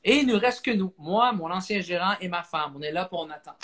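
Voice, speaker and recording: Animated Québécois male comedian. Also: high-pitched, brisk, slight background noise. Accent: Québécois French. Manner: animated, acts out voices. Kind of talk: comic storytelling on a live stream.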